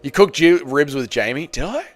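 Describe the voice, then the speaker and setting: A man in his thirties hosts a casual MMA livestream, reading out viewer comments and calling his audience "boys." His voice sits a little high, with lively intonation and a moderate pace, over soft background music. He's blokey and crude, cracking jokes and repeating himself.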